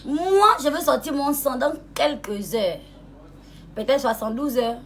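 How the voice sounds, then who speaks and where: A young woman with a high, bright voice speaks directly to a rival in a casual, taunting live-stream monologue, mocking and sweet-talking her at once, calling her "baby" and asking "hmm?". She drawls some words slowly and jumps higher in pitch when irritation takes over. Faint background noise sits behind her.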